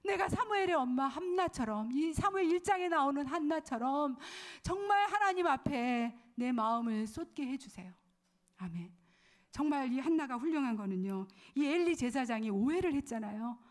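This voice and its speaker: Preaching to a women's worship service at normal speed, a pastor's wife with a high voice tells lively stories and acts out the quotes within them. She puts questions to her listeners and at times lowers her voice to a whisper.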